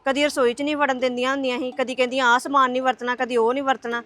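A woman with a Punjabi accent acting in a family drama, talking quickly and emphatically. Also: high-pitched, flat delivery, fairly bright tone, faint music behind. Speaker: Sandeep, visiting sister-in-law.

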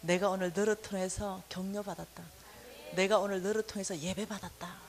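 A woman preacher speaking the words of God in a calm, solemn way. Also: medium pitch, voice pushed down, close to an everyday voice. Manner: slow, measured, solemn.

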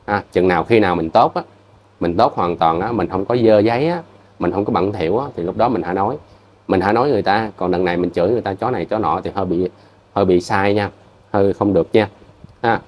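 A man with a Southern Vietnamese accent delivers a vlog rant in a low, deep voice. He talks quickly, scolds bluntly and circles back over the same points. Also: darkish tone. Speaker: vlogger. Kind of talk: heated commentary rant to viewers.

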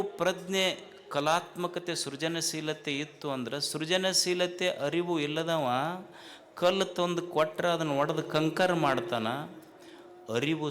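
A man giving a sermon to a crowd. He repeats lines for stress and builds to loud, emphatic questions. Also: a little high. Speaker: swami giving a spiritual discourse.

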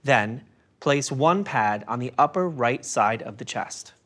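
A man narrating a scripted first-aid lesson in a calm, step-by-step instructive manner. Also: mid-range voice, measured pace.

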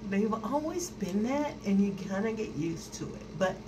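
A middle-aged woman speaks in a chatty, self-conscious way, laughing now and then, with a finger pulling her lip down as she shows her teeth. Her voice sits at an ordinary pitch for a woman. The phone camera is a little distant, so the sound has steady background noise under it. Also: unhurried. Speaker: customer testimonial. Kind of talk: casual testimonial to camera. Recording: distant mic with noticeable ambient noise.

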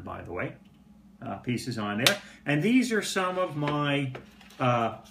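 An older man chats easily at a mid-range pitch while he makes breakfast, filling his pauses with "uh". His voice rings around a roomy home kitchen, picked up by a camera on the table, with a faint hum behind it. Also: creaky. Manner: relaxed, chatty, frequent "uh" fillers. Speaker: pipe-smoking home cooking vlogger. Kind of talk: casual home cooking demonstration. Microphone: phone or camera on the table.

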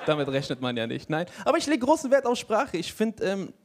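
High-voiced young stand-up comedian man. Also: brisk. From Palestine. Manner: animated, laughs at own jokes. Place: comedy stage before a live audience.

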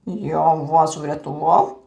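A woman voicing a slow-witted, pedantic male creature who collects insects, muttering in a pompous way, with faint music behind. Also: lowish voice, lively intonation, darkish tone, dull audio. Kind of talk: audiobook character voice.

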